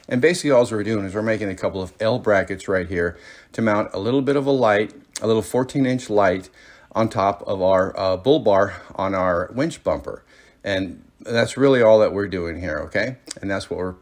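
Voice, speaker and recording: The host of an off-road DIY channel narrates a hands-on how-to in a folksy, informal way, often checking in with quick asides like "okay" and "cool." His voice is lowish, with no room sound.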